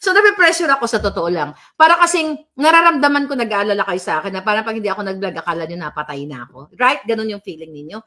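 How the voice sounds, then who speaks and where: A woman's voice: mid-range voice, expressive, fast, bright, forceful tone. A middle-aged woman vlogging live to her viewers, speaking in fiery bursts that mix Tagalog and English and reading out viewer comments. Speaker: political vlogger. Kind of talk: live-stream chat with viewers. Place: abroad, at home.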